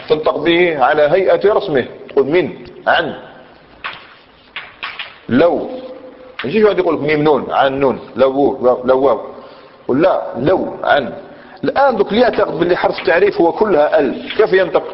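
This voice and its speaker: Grammar teacher, man, repeats and quizzes the class, slightly high voice, muffled recording. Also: slight background noise. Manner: explains step by step, repeats words, questions the class. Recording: muffled lecture recording with long hall reverb.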